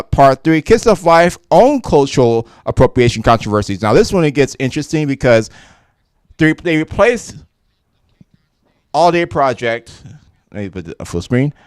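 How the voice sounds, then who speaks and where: A man reads news articles on his live stream, in an easy, conversational commentary. His voice is smooth and resonant, and he trips over words and restarts often. The sound is close and dry, with no room around it. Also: medium pitch, no room sound. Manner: reads haltingly with self-corrections and asides. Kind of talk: casual commentary reading articles aloud.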